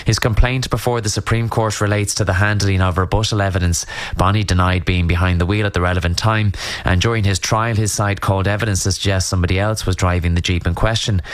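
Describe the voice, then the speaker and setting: A man's voice: low-pitched, fairly even intonation, quick pace, no room sound. An Irish man giving a scripted radio news report as a courts correspondent.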